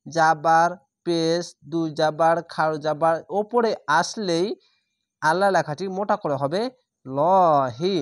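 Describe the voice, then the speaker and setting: In a clean studio recording with no room sound, a man with a slightly high voice gives a slow tajweed lesson. He spells out each letter and vowel of a word, then chants it in a drawn-out way.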